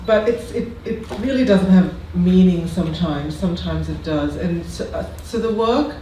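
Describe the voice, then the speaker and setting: A panelist speaking in a reflective, halting way on a discussion panel. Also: medium pitch, mellow. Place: lecture room. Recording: very echoey room, distant mic, faint noise.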